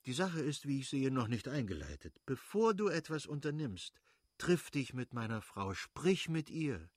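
A man voicing a good-natured, effusive middle-aged nobleman who pleads warmly with his brother-in-law. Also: mid-range voice, sing-song, moderate pace, dry recording, clean studio sound, pitched above the performer's own voice. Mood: effusive pleading. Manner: warm, effusive, imploring.

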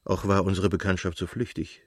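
A reserved young officer, polite and restrained with a cool edge, read by a male narrator in a low voice. The sound is close and dry. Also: level tone, a little fast, no echo.

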